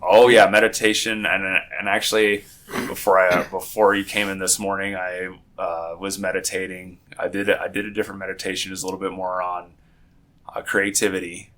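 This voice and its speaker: Low-voiced man with a groggy morning voice. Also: level tone, moderate pace, fairly bright tone. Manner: rambling, with frequent restarts and self-corrections. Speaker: podcast host. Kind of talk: casual podcast chat.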